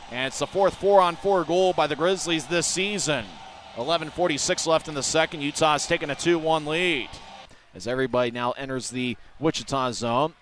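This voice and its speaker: A man calling rapid hockey play-by-play as the announcer, excitable and given to shouting on goals. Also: on the high side, slight background noise.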